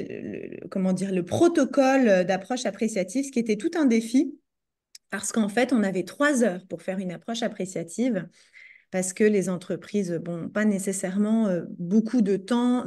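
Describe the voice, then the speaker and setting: A French woman presents her doctoral research to a group over a video call, her French accent clear in a mid-range, darkish voice. It's an academic presentation, and she hesitates often, with fillers and restarts.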